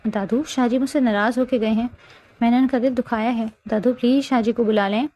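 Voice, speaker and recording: A woman's voice: a little high, fairly even intonation, dark tone, close to an everyday voice. A woman voicing a young heroine who is emotional and pleading in a romance novel reading.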